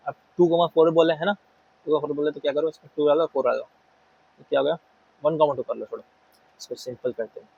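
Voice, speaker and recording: A man's voice: mid-range voice, darkish tone, husky. A young man teaching math in a casual lecture style, explaining informally, repeating words and mixing in English terms. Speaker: math tutor. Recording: muffled lo-fi recording.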